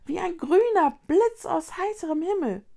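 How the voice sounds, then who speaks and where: A woman reading a children's storybook aloud, voicing tiny frail magical creatures with an urgent, breathy whisper that repeats words. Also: extremely high pitch, lively intonation, normal speed, dark tone, voice pushed up, heavily acted.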